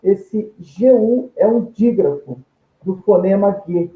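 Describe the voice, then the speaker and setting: Male grammar teacher, high-pitched, explanatory, tinny phone-like sound in an echoey room. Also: slow pace. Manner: explanatory, points at examples on screen; stretches out example words syllable by syllable. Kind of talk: video lesson explaining grammar.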